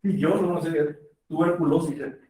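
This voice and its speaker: A man's voice: on the high side, steady tone, measured pace, a little mellow. A man giving a medical lecture to a class in a conversational way, acting out short exchanges between doctor and patient. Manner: conversational, acts out patient dialogues. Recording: echoey room, far from the mic.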